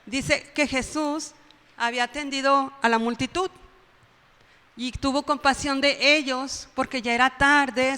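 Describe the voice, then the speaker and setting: A woman's voice: high voice, sharp tone, smooth, big-room sound. A woman preaching a conversational sermon, often tossing in "¿verdad?" and laughing at her own retellings. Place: church hall.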